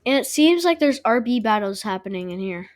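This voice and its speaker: On her own gaming channel, a woman chats to viewers during casual let's-play commentary and asks them to subscribe, using her own microphone. Her voice is a little high and a little fast, with lively intonation.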